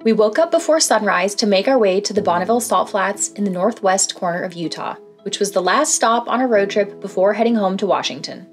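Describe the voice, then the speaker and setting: Woman, scripted travel voice-over, calm and informative, faint music underneath. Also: mid-range voice, a little fast, hardly any pauses. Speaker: travel vlogger narrating a road trip.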